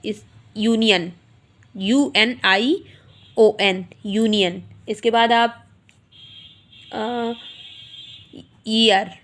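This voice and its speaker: Woman teacher explaining grammar slowly. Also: fairly high pitch, fairly bright tone. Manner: slow, repetitive explaining, spells words letter by letter. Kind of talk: Hindi grammar lesson explaining English articles.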